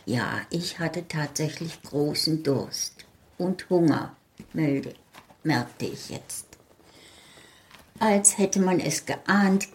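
A woman reading her own short story aloud in a slow, calm, measured way. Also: deep voice.

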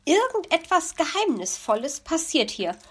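A woman voicing a nosy, easily outraged female magpie in a children's story, with shrill, dramatic complaining. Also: very animated, normal speed, a bit bright. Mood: curious, suspicious. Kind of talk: storybook reading.

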